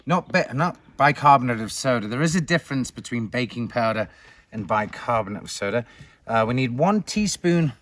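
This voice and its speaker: A man hosting a cooking demonstration, talking in a showy way and swinging between loud announcements and hushed asides. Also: mid-range voice, expressive, moderate pace. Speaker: cooking show host.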